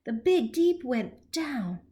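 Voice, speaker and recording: Reading a picture book aloud to young children, a woman with a high voice tells the story in a very slow, deliberate, animated way, her melody swinging widely as she asks questions of her young listeners.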